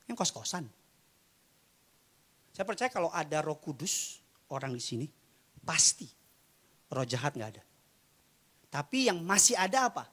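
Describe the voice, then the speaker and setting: A man preaching a sermon as pastor, asking questions and answering them himself, moving between loud shouts and quiet storytelling. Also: a little high, very animated, measured pace, long pauses. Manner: asks and answers his own questions. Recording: live church sermon.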